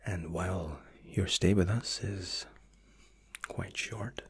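ASMR role-play: man as formal, reassuring flight attendant, low-pitched, unhurried, close-miked. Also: breathy edge, heavily acted. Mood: soothing, attentive. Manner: flight attendant's formal, soothing service patter.

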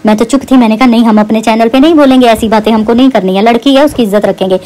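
A woman's voice: fairly high pitch, racing, warm tone, rough recording. A woman YouTuber, delivering a heated, mocking rant to camera against a rival and repeating her jabs.

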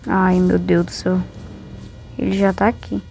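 A woman's voice: on the low side, little pitch movement, moderate pace, gravelly, warm tone, slight background noise. A woman with a Brazilian accent giving casual, exclamatory, complaining commentary as a gamer playing along.

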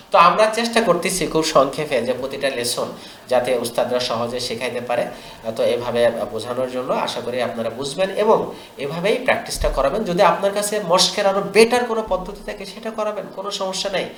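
A man teaching Quran reading, slowly drilling syllables and repeating them, with English words mixed in. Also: fairly high pitch, a bit bright, echoey room, a little hiss or hum. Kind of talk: step-by-step recitation lesson.

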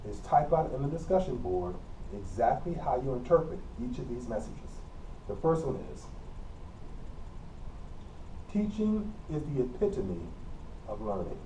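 A Midwestern American college communication instructor gives a recorded classroom lecture, explaining plainly and repetitively with frequent coughs. His voice is mid-range and warm, captured by a camera mic across an empty classroom with a whiteboard and air conditioner, so the audio is roomy and distant with a faint hum.

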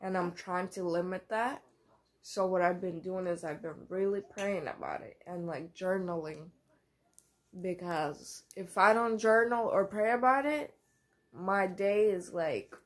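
Slow, soft-spoken young mom. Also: female voice, mid-range voice. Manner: soft-spoken, many fillers, candid. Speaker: mom vlogger. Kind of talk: casual vlog talk.

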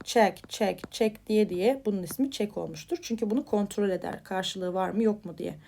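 A woman with a mid-range voice and vocal fry talks fairly quickly as she teaches English vocabulary to Turkish learners. Chatty and informal, she lifts each headword, then explains it more quietly, checking in with "tamam mı?".

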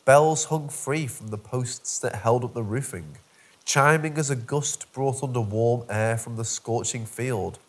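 A man narrating a scripted first-person horror story with wry, dark humour. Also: mid-range voice, a little slow.

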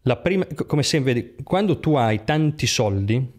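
A man with an Italian accent chatting casually about money and investing, telling animated anecdotes and acting out quotes. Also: medium pitch, normal speed. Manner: animated storyteller, acts out quotes. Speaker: guest, online entrepreneur. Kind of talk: casual podcast conversation.

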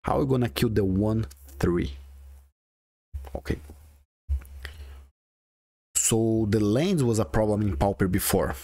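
A gaming video creator in his forties, with a strong Brazilian Portuguese accent, chats and thinks aloud while commenting casually on his own card game. His lowish voice is a little slow and dark-toned, with frequent pauses, in clean studio sound with no echo.

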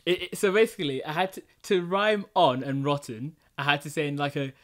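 A man hosting a casual podcast chat, calmly talking through his own rap songs and what he learned, often restarting his sentences. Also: brisk. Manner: low-key, reflective explaining with frequent restarts.

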